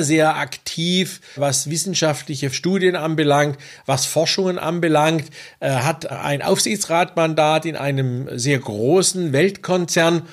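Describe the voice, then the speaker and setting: Higher-voiced man explaining as a coach. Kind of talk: interview answer, explaining.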